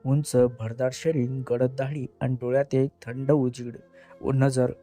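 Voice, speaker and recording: A man narrating a dramatic audio story in a measured, emotive way. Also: medium pitch, flat delivery, mellow. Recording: narration over faint background music.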